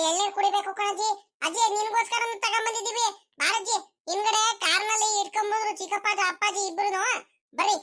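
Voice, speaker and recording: Woman voicing a sulky cartoon grandson, whiny, cheeky, bright, fast. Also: extremely high pitch. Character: sulky young grandson, cheeky and easily hurt. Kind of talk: cartoon comedy dubbing.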